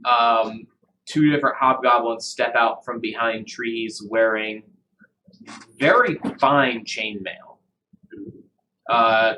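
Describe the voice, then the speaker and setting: A man narrating as dungeon master in a relaxed, conversational way. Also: mid-range voice, a little hiss or hum, rough recording. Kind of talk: narrating a tabletop game.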